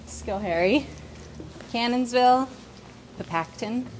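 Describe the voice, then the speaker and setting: A woman's voice: fairly high pitch, takes it slowly, a little mellow. A woman guiding a walking tour, explaining as she moves. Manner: friendly explanatory walking talk. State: slightly out of breath. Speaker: tour guide. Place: outdoors on a city street and inside a visitor center. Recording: noisy street ambience with traffic.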